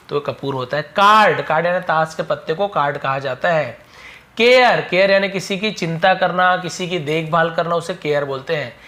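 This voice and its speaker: A man's voice: on the high side, a bit bright. A man teaching English vocabulary, explaining each word plainly and repeating its meaning. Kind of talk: vocabulary lesson.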